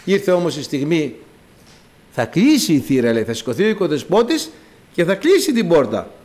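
A man's voice: sing-song, a little mellow. A man preaching a sermon to his congregation, calling them brothers and acting out the voices in his stories with dramatic swings. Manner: dramatic, acts out quoted voices with big pitch swings.

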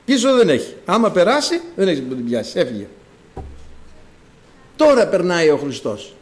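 A middle-aged man preaching a sermon, acting out quoted voices and swinging from loud to hushed. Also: high voice, very animated.

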